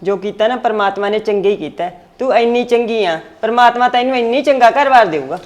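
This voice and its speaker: Young rural Punjabi daughter-in-law played by a woman, gentle and placating. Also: fairly high pitch, brisk, lightly acted. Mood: pleading. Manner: soothing, pleading.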